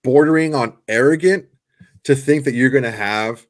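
A man's voice: medium pitch, normal speed. A man co-hosting a podcast, talking sports in a rambling, casual way with lots of restarts and the odd curse word. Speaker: podcast co-host.

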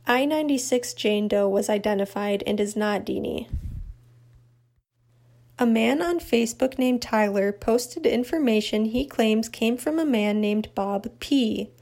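Woman narrator, slightly high voice, steady matter-of-fact delivery of a scripted true crime case. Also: a little slow. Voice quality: even, matter-of-fact reading.

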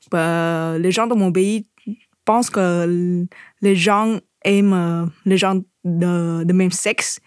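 A woman from Southeast Asia tells her own story, halting often and repeating words as she searches for them. Her voice sits at an ordinary middle pitch. It is recorded close up in a dry space with no room sound. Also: clear, resonant tone, dry recording. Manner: hesitant, with frequent restarts and repeated words. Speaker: interviewee. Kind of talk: personal testimony.

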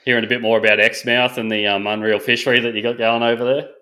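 A man's voice: medium pitch, flat delivery, fast talker, pushed and bright. A man with an Australian accent chatting casually as a podcast host, easygoing and matey. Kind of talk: casual interview chat.

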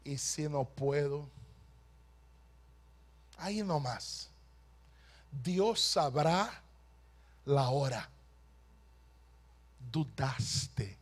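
Slow, dramatic preaching man. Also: on the high side, expressive. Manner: dramatic swings from hushed storytelling to shouted proclamation. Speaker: pastor. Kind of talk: sermon.

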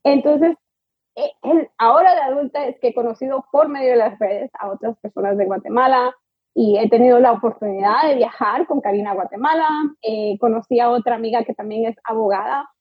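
Husky woman guest, native english speaker, chatty with lots of "eh"s, dry muffled sound. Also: fairly high pitch, fairly quick, dry recording. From United States. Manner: chatty and warm, with many fillers and restarts. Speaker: guest, immigration lawyer. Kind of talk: conversational interview.

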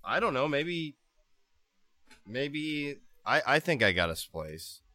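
A man's voice: on the high side, very animated, takes it slowly, bright, forceful tone, no echo. A man playing his character in a tabletop game podcast, rambling and hesitant in a comic way. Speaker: player.

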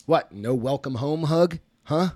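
A man reading the lines of an obnoxious drunken father with a raspy voice and slow, mocking delivery. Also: a little high, a little mellow, dry recording, voice pushed up, lightly acted.

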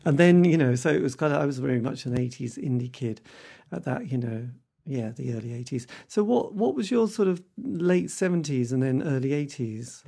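A middle-aged man with an English accent and a husky voice, chatting casually and reminiscing in a rambling, self-deprecating way as an interviewer. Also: medium pitch, animated, normal speed, warm tone. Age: 50s or older. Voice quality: husky, gravelly.

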